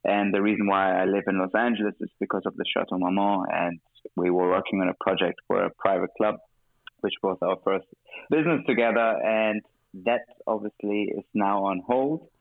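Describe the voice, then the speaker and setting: A man's voice: deep voice, moderate pace, no echo. A man from Germany with a German-tinged, mixed international accent, a guest talking openly in an interview and laughing often. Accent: German-tinged mixed international English. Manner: laughs often, relaxed and open. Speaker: guest, music director. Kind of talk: interview conversation. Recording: dry tinny phone-like line.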